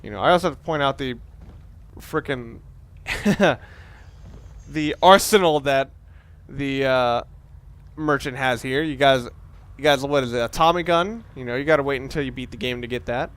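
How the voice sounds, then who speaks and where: Speaking at normal speed with long pauses, a man with a medium-pitched, fairly bright voice provides let's play commentary. He wanders casually and wryly through the game, often stopping to rephrase from the start.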